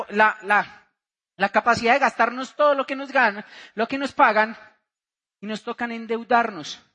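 High-voiced Colombian man telling stories from a stage. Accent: Colombian, Santander. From Santander, Colombia. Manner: animated storyteller, asks the crowd questions. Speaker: motivational speaker. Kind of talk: motivational seminar talk to a live audience.

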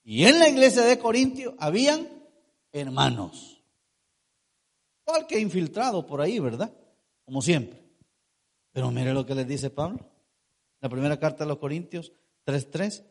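A man's voice: on the high side, sing-song, measured pace, pauses often. A man preaching a sermon, emphatic, asking rhetorical questions and drawing out key words.

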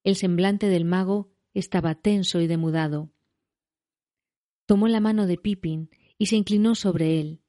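A woman reading a novel aloud as scripted narration, measured and dramatic. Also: on the low side, fairly even intonation, warm tone, no room sound, clean studio sound. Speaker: story reader.

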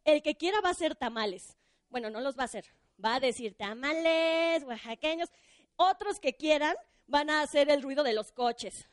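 A woman tells a children's story to a live audience, her voice high and animated. She keeps turning to the listeners with questions. The sound is dry and close. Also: normal speed, dry recording. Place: bookstore.

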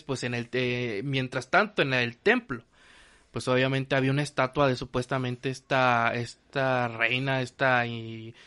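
A man's voice: medium pitch, sharp tone. A man retelling a horror film casually, rambling with lots of fillers and restarts. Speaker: film recap host.

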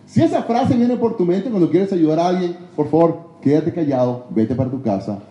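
A man preaching a sermon in a church, emphatic, swinging between loud exhortation and hushed confession. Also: fairly high pitch, expressive, moderate pace, dull audio. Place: church sanctuary. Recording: echoey church hall.

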